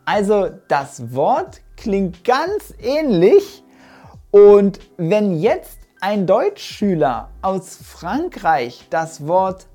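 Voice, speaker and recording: A woman teaching German pronunciation in an online lesson, modeling words slowly and clearly, syllable by syllable. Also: on the low side, mellow.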